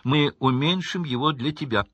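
A man's voice: a little high, moderate pace, a bit bright, breathy edge, dry recording, highs cut off, pitched above the performer's own voice. A man voicing a friendly, generous teenage boy in a storybook reading.

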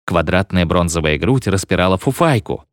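A man reading a story aloud, expressive and acting out the characters. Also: low voice, normal speed, no room sound, clean studio sound. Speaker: narrator. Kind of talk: scripted narration of a story.

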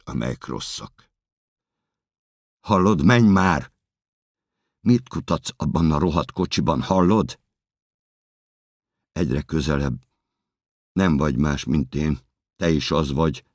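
An actor performing an audiobook monologue as a desperate, obsessive man in a security booth, speaking in terse fragments that break into shouting. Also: rumbling low, no echo, clean studio sound.

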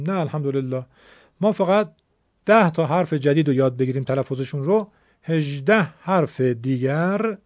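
A man's voice: fairly high pitch, a little mellow, no echo. A man giving a radio lesson on Quran recitation, explaining patiently and sounding out letters himself. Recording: dull, dry radio studio sound.

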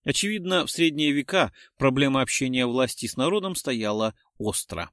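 A man's voice: mid-range voice, expressive, moderate pace, fairly bright tone, dry recording. Male audiobook narrator, dry close sound. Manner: dramatic storytelling.

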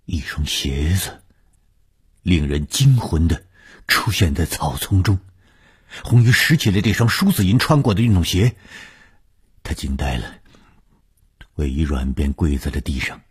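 A man narrating a suspense story for radio, reading dramatically and dropping to a hush in tense passages. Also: low voice, slightly rough.

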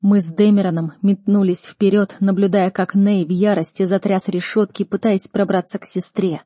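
A woman reading a first-person fantasy audiobook in a tense, measured manner. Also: mid-range voice, fairly even intonation, dark tone, no room sound, studio quality. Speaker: audiobook reader.

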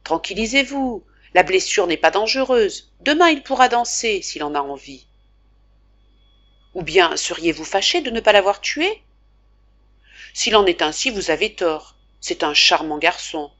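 A woman's voice: medium pitch, lively intonation, a little slow, fairly bright tone. A woman reading the part of a stern army captain who acts as a duel second, speaking firmly and dryly, in an audiobook of a classic novel. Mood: matter-of-fact. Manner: firm, dry. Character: stern, matter-of-fact male army captain.

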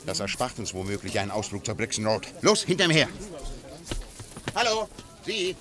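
Sherlock Holmes, low and assured. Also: male voice, sing-song. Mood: confident. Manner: brisk, ironic, self-assured. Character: Sherlock Holmes, sharp, amused, commanding detective. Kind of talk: 1950s radio drama acting.

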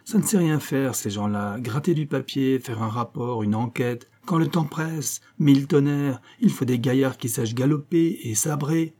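A man reading an audiobook, voicing a blustering, hearty army captain who talks loudly and swears. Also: mid-range voice, normal speed, hardly any pauses, pitched above the performer's own voice, lightly acted. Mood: indignant. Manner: loud, swearing, impatient.

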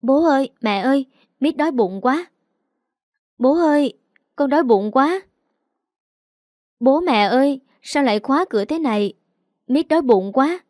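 Woman putting on a little girl's high whiny voice, eager and hungry, for an audio story. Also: lively intonation, measured pace, long pauses, a little mellow, dry recording, studio quality. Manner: high pleading calls.

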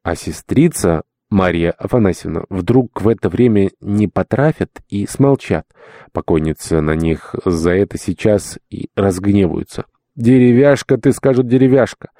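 A man's voice: sits low, a little slow, mellow, no room sound, studio quality. A man voicing a humble old dwarf servant. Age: older. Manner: fussy, obsequious, with old-fashioned polite address. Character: elderly male dwarf servant, humble, sentimental, deferential. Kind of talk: audiobook character voice.

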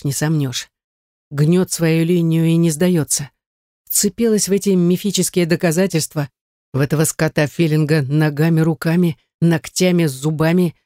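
An audiobook narrator reading a romance novel in a steady, even storytelling voice. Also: medium pitch, normal speed, no echo, clean studio sound. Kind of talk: scripted narration.

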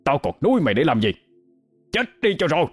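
A man voicing a drunk, cruel, violent older father who shouts abuse in a Vietnamese audio story. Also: fairly high pitch, big pitch swings, quick pace, soft background music, voice pushed up. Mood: drunken rage.

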